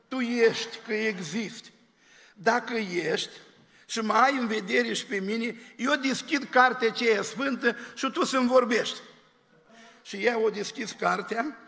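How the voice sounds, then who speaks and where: A man's voice: high-pitched, gravelly, fairly bright tone, long reverb tail. A man preaching a sermon in the form of a testimony, telling a story and quoting its people in his own voice.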